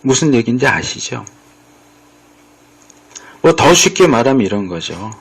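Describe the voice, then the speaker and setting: Korean pastor guy, husky voice, chatty sermon, does little voices for the stories. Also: mid-range voice, very animated, a little slow. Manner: conversational preaching, acts out quoted dialogue.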